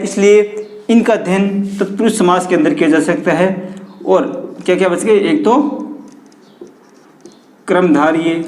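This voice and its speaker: A male teacher from India leads an online grammar lesson, repeating key terms back to the class as questions and lowering his pitch on each stressed term. His tone is darkish, and the sound is roomy.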